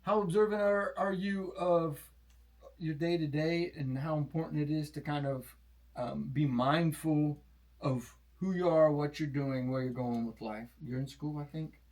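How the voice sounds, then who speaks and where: A man hosting a casual chat, tossing in dry, deadpan joking asides. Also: on the high side, measured pace. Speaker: comedian host.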